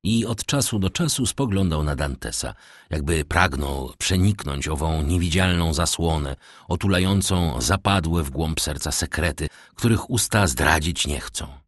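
A male audiobook narrator with a low voice tells the story in a measured, dramatic way. The recording is close and dry, with no room sound. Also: animated, no room sound. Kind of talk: scripted narration.

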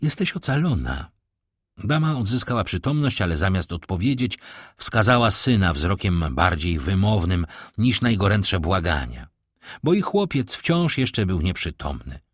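A man reading a classic novel aloud as an audiobook, in a dramatic, expressive way. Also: sits low, moderate pace, no room sound, clean studio sound. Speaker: audiobook reader. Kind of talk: scripted narration of a classic novel.

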